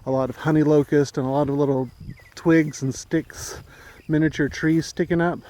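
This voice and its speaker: A man's voice: on the high side, steady tone, moderate pace, dark tone. A man giving a meandering, easygoing tour of his rural property while talking, a little out of breath. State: slightly out of breath. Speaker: homesteading vlogger. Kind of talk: casual walking tour chat.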